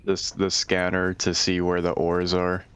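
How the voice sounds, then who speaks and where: A man with a low, smooth, resonant voice chats while playing a game with a friend. He is laid-back and jokey, with playful complaints. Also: completely flat delivery, a little slow, a bit bright, no room sound. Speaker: co-player. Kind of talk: casual chat while gaming.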